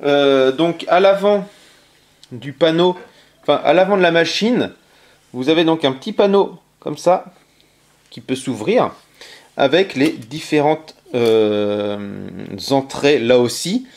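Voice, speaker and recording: A man giving a casual show-and-tell presentation of a game console he collected. He talks hesitantly, with many fillers, pauses and self-corrections. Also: fairly high pitch, lively intonation, a little mellow.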